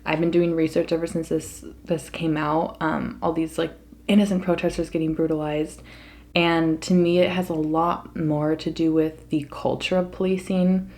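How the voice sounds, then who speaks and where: A woman's voice: low voice, little pitch movement, moderate pace, darkish tone. An American woman talking casually to her viewers in an opinion monologue, earnest and emphatic. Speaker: mukbang vlogger.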